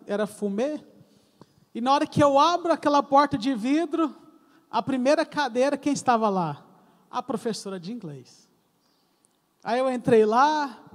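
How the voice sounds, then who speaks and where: A middle-aged Brazilian man with a Brazilian accent, preaching a sermon testimony. He tells his story, calls the congregation brothers and acts out the dialogue. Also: very high-pitched. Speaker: church elder preaching. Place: church sanctuary. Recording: reverberant church hall.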